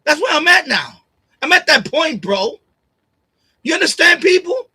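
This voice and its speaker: A man's voice: very high voice, sing-song, unhurried, pushed and bright. Profane, rambling man in his late fifties. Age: 50s. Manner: rambling, profane, repeats phrases, voice rises when upset. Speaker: livestream host. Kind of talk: emotional personal rant. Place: home. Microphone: desk USB condenser microphone.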